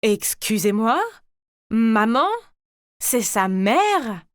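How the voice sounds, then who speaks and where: Drawing out her words, a woman tells a scripted animated story from a first-person view, her fairly high voice dramatic and expressive like a teenager narrating her own saga. There's no room sound at all; the audio is very dry.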